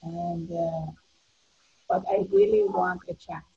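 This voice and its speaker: A soft-spoken woman in a mediation, talking earnestly and hesitantly, on a dull lo-fi recording. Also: on the low side, steady tone, slow pace, creaky, slightly rough. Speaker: participant in mediation. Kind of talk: mediation dialogue.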